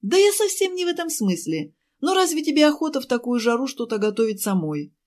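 Lady doing a high, fussy chatterbox cafe owner, voice swoops all over, audiobook. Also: big pitch swings, a little mellow. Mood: fussy, pleading. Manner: rapid, pleading, fussing. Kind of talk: audiobook character voice.

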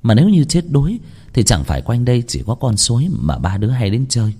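A man reading a ghost story aloud in a slow, dramatic, expressive narration. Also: medium pitch, slightly rough.

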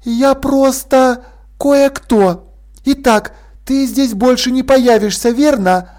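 Male reader playing a cool, firm young governess, raised pitch, dry threats. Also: takes it slowly, a little mellow. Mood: stern. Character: stern unflappable young governess woman. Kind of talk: audiobook character voice.

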